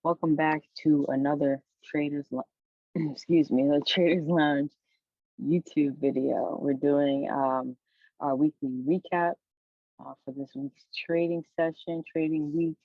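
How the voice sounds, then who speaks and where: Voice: medium pitch, fairly even intonation, measured pace, no room sound. A stock trader with the hiccups, giving a casual weekly recap of trades in a loose, rambling way with plenty of fillers. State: has the hiccups. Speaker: stock trader hosting a channel. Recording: dry, tinny phone-like audio.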